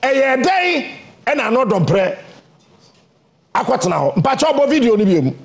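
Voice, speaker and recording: A man's voice: very high voice, a little slow, very noisy. A man with a Ghanaian accent hosting a radio morning show, commenting in Twi mixed with English. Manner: animated, switching between languages.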